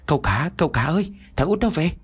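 A man voicing a timid young henchman servant who speaks in a hurried, stammering way. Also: medium pitch, animated, husky, pitched above the performer's own voice. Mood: anxious.

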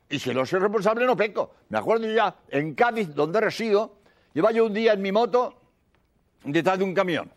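A man delivers a sermon in a high, lively voice that swoops up and down. He is emphatic and hammers his points home by repeating them. He explains doctrine through plain everyday examples. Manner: emphatic, repeats key phrases. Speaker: priest.

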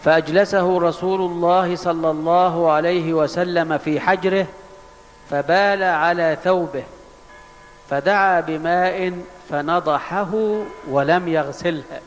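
A man with a high voice recites hadith and their chains of narrators in careful formal Arabic. The recording carries a long hall reverb. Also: fairly even intonation, measured pace, a little hiss or hum. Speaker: student reading hadith aloud.

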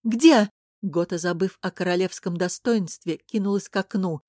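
A woman narrating a fantasy novel as an audiobook, steady and even-paced. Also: fairly low pitch, normal speed, no room sound, studio quality.

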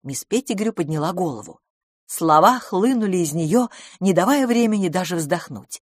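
A woman narrates an audiobook with an expressive, lively delivery, her pitch moving widely. Her voice sits a little low, and the recording is close and dry. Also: normal speed, dry recording. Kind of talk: scripted narration.

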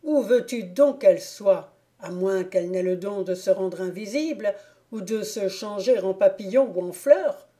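A woman's voice: medium pitch, animated, a little slow, warm tone, close to an everyday voice. Woman reading a teasing village clog-maker. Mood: knowing. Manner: mocking, knowing. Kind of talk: audiobook character reading.

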